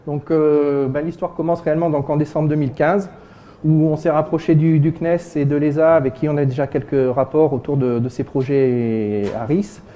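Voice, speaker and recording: A man giving an informal presentation as an amateur radio volunteer, chatty and halting. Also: fairly high pitch, fairly even intonation, dark tone. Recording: muffled lo-fi sound, dull microphone.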